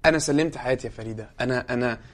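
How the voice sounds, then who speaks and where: An Egyptian woman playing a calm, resigned, devout sibling who has just died, in an amateur stage drama. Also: a bass voice, rapid-fire. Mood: resigned, firm.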